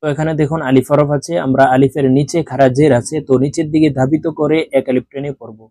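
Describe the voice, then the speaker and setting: A man teaching Quran reading to viewers. He drills letter sounds slowly, one by one, then explains how to say them in quick, plain speech. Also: on the high side, level tone, warm tone, no room sound. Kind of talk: slow recitation drill with explanations.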